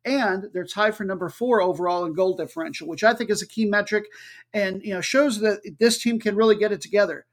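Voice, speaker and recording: Chatty high-voiced soccer preview host. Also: male voice, a little fast. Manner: chatty, digressive, unsure of foreign names. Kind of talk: casual sports analysis monologue.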